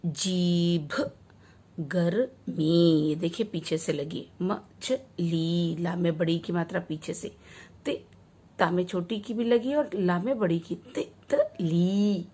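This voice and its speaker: A woman primary school teacher teaching a Hindi vowel-sign lesson, reading words one at a time slowly and carefully for children. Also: fairly low pitch, darkish tone, husky.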